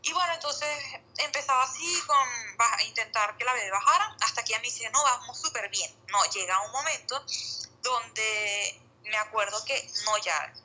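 A woman's voice: on the high side, normal speed, pushed and bright, rough recording. A woman telling her story in casual conversation, rambling along with many fillers and restarts. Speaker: guest sharing birth story.

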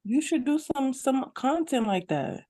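High-pitched woman, casual podcaster. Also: sing-song, unhurried, dark tone. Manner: slangy, conversational, peppers talk with check-in questions. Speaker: podcast co-host. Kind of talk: casual unscripted podcast banter.

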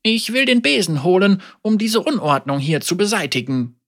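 A storybook narrator voices an elderly woman, a teacher and mother, who speaks with calm, dry wit and gentle teasing. Her high, lilting voice moves with lively melody at a moderate pace.

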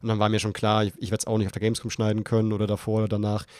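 A man's voice: very fast, dry recording. A young man hosting a podcast, telling a long story in casual chat and acting out his own flustered voice. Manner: animated storyteller, acts out his own panicked voice in high pitch. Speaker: podcast host.

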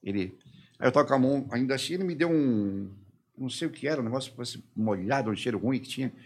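A man giving an emotional personal testimony as an interviewee. He talks haltingly, restarting and trailing off mid-phrase. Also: medium pitch, breathy edge.

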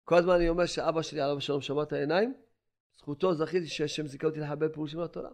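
Older male rabbi, sermon delivery, slightly high voice, repetitive and emphatic with sudden loud and soft turns. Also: fairly even intonation. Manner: emphatic, repetitive preaching with rhetorical questions; shifts between loud exclamations and quiet asides. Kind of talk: Torah lesson sermon.

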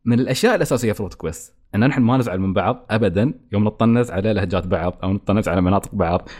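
A man's voice: fairly low pitch, rapid-fire, a little mellow. A young man with an Emirati Gulf Arabic accent, hosting a casual podcast chat, joking and teasing and laughing often. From UAE, Al Ain. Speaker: podcast host.

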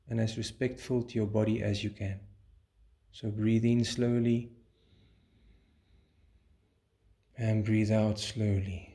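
A man leading a guided meditation in a calm, soothing, measured way, pausing between short phrases. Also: medium pitch, vocal fry.

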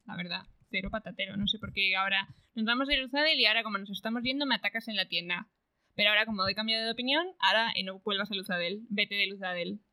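Bright-voiced woman recapping a book. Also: medium pitch, fast, no echo, rough recording. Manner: retells the plot with acted quotes and laughter. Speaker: podcast co-host. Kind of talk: casual book-club chat.

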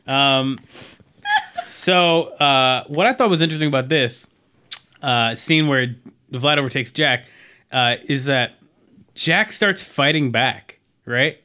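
A man's voice: medium pitch, slow, long pauses, pushed and bright, clear, resonant tone. A man co-hosting a podcast, casually recapping a cartoon episode with rambling restarts and fillers. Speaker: podcast co-host.

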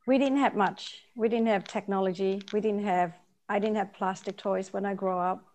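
A woman's voice: medium pitch, steady tone, moderate pace, a little mellow. A woman in her forties from Vietnam, answering interview questions earnestly and often repeating her key phrases. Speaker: interview guest, nonprofit founder.

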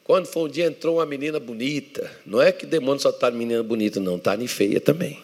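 In a church hall, a Brazilian man preaches a sermon with a gravelly, textured, mid-range voice, talking fast with lively intonation and a Brazilian Portuguese accent. He shifts between loud, emphatic declarations and hushed, intimate storytelling, while a long reverb trails his words.

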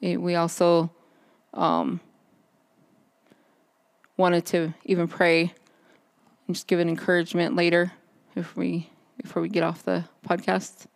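A woman co-hosting a casual outdoor faith podcast, talking haltingly with many restarts and fillers. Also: on the low side, little pitch movement, vocal fry, no echo. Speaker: podcast co-host. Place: outdoors under a backyard overhang by a fire pit.

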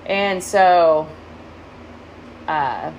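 A woman's voice: low voice, very slow, a little mellow. A middle-aged woman hosting a podcast as a casual, candid, rambling personal monologue, recorded in a room with fans running. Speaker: podcast host. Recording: noisy, window units and fans humming.

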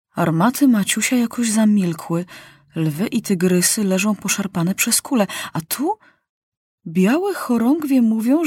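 A woman narrating an audiobook in a measured, dramatic way with long pauses. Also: fairly low pitch, husky, dry recording, clean studio sound.

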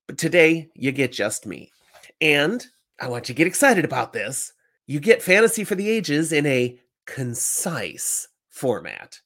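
Male podcast host, slightly congested with a cold, chatty and emphatic, highly varied intonation for enthusiastic book talk. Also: unhurried. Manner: informal, emphatic, animated. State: getting over a cold.

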